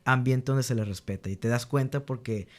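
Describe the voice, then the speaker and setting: A young male teacher, interviewed as a guest, speaks a little fast in a mid-range voice. His candid storytelling is earnest, full of acted-out exchanges with his students and frequent restarts.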